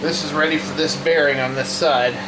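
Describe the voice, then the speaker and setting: Working in a hot shop with a fan going, the man hosting this repair video narrates each step for himself in a casual, folksy way. His voice is a little high and fairly quick, and a running fan and steady hum persist in the background.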